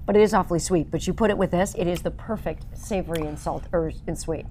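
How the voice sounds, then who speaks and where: A woman's voice: fairly low pitch, quick pace, warm tone, slight background noise. A woman co-hosting a radio after-show, chatting casually and telling stories with frequent laughter. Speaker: radio co-host. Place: radio studio.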